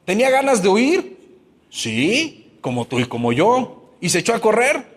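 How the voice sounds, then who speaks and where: A man's voice: high-pitched, wildly swooping pitch, unhurried, long reverb tail. A man preaching a sermon as pastor, asking his congregation many questions and acting out everyday complaints.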